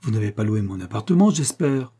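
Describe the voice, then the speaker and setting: A man voicing an indignant middle-aged widow who scolds fast and loud in a storybook reading. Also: on the low side, sing-song, breathy edge, exaggerated voice. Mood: scolding.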